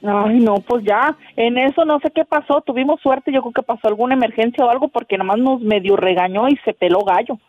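A woman's voice: a little high, brisk, hardly any pauses, no echo, narrow, tinny audio. A woman calling a radio show, telling a story in a gossipy, laughing way. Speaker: caller.

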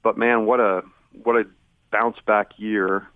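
A man's voice: on the low side, little pitch movement, unhurried, no echo. An American man chatting casually as a phone-in guest on a radio show, with a joking manner. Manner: joking, banter with the hosts. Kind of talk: casual phone interview chat. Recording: tinny, narrow phone line.

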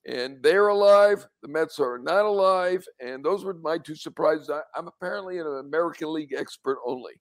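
A man's voice: a little high, normal speed, few pauses, no room sound. A man giving casual sports commentary as a reporter and co-host, in short, choppy sentences.

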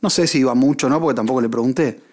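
A man with an Argentine Spanish accent, co-hosting a podcast in relaxed, chatty conversation. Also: mid-range voice, very fast. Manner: chatty, animated, swears casually. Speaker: podcast co-host. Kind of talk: casual chat.

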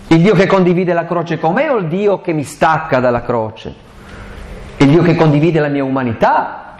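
A man's voice: sits high, darkish tone. Impassioned man preaching in an echoey hall. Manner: impassioned, colloquial, full of rhetorical questions. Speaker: catechist giving a Bible talk. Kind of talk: live catechesis talk. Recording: echoey live room recording, faint background hiss.

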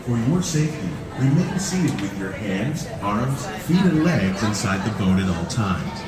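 A man reading a calm, scripted safety announcement, played over a ride's outdoor loudspeaker. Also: fairly low pitch, measured pace, over music. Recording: echoey, distant loudspeaker with loud noise.

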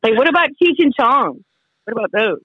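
A woman's voice: fairly high pitch, sing-song, brisk, breathy edge, no room sound, narrow, tinny audio. A woman in her thirties, a podcast guest chatting about movies in a giggly, playful way. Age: 30s. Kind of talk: casual chat about movies.

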